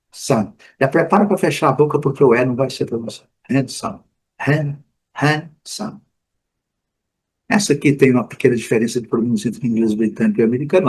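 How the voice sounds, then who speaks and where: A man from Brazil giving a casual, unscripted pronunciation lesson, full of fillers and restarts, repeating example words slowly. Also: mid-range voice, breathy edge, low-quality recording. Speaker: English teacher.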